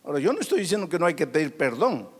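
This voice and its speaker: A male pastor preaching a dramatic sermon, swinging from loud outbursts to hushed, soft passages. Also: fairly high pitch, sing-song, very fast, husky. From Peru. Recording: long hall reverb.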